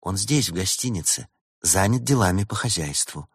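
A man voicing a calm, composed innkeeper lady. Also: low-pitched, moderate pace, husky, no room sound, studio quality, exaggerated voice.

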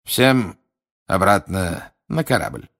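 A man's voice: on the low side, lively intonation, moderate pace, fairly bright tone. A man voicing a stern, cold headmaster of a wizard school in a storybook reading, curt and barking. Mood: commanding.

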